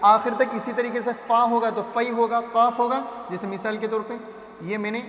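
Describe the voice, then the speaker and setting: High-voiced man teaching, echoey room. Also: little pitch movement, a bit bright, dull audio. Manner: patient, repeats sounds slowly, checks with "right?". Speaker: Quran reading teacher. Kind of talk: classroom lesson at a board. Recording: echoey room with long reverb.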